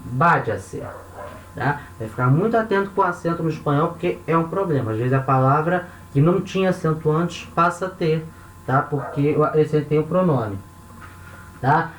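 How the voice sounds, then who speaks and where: A man with a Brazilian accent teaching a recorded online lesson, patiently repeating words slowly and checking in with short questions. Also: on the high side, a bit bright. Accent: Brazilian Portuguese, Rio de Janeiro. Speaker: language teacher. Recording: echoey room.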